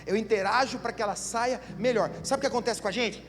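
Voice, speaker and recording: A man with a very high voice preaches a sermon in a church, his words trailing off into a long hall reverb. He talks in an animated way and acts out everyday conversations as he goes. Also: quick pace, slight background noise. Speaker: pastor.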